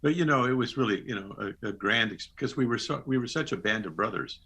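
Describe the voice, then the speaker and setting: An older man, a former television producer, telling animated stories from his career in an interview and acting out his own phone calls. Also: medium pitch, quick pace, husky. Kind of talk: anecdotal interview storytelling.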